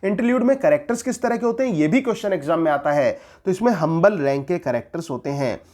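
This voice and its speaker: A man's voice: on the high side, animated, a little mellow. Indian man teaching English literature. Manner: reads English lines slowly then explains in Hindi; repeats key points and quizzes the listener. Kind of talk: exam-prep lecture.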